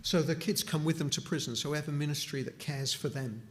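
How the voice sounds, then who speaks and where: This is a middle-aged man from Newcastle upon Tyne, a charity speaker addressing a church congregation in a chapel. His voice sits on the high side and he talks fast, conversationally, often restarting and going off on asides.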